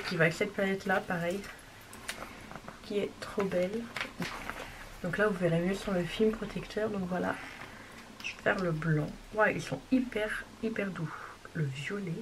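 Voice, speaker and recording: A woman showing off a makeup haul in a casual, gushing way, sometimes dropping to a soft whisper. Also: medium pitch. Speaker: beauty vlogger. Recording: distant mic with clear background noise.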